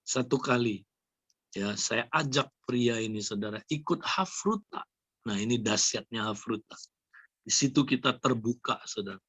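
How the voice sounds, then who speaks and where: A man's voice: a little high, a bit bright, no room sound. A male pastor preaching an emphatic sermon, often addressing his listeners as brothers and sisters. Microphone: online seminar audio.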